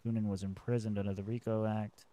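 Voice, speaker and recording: A game streamer, a man, reading notes aloud and thinking out loud in casual commentary. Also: on the low side, flat delivery, quick pace.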